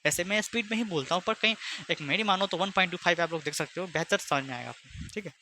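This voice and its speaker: Bright-voiced chatty maths teacher. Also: male voice, high voice, fast talker, slight background noise. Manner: chatty, teasing, speaks both sides of a pupil dialogue. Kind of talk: online class lesson with imagined student back-and-forth.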